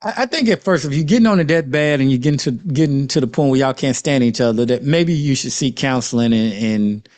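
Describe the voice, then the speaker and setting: Guy w/ arkansas accent hosting a casual group chat show, mid pitch. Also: brisk, few pauses, darkish tone. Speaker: host.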